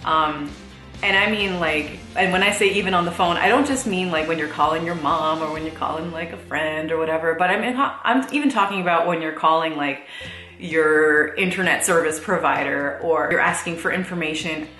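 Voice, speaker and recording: A woman's voice: sits low, moderate pace, bright, forceful tone, roomy sound, faint music behind. A thirty-year-old woman vlogging in a chatty, casual way, laughing often and using lots of fillers. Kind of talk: casual chat to camera.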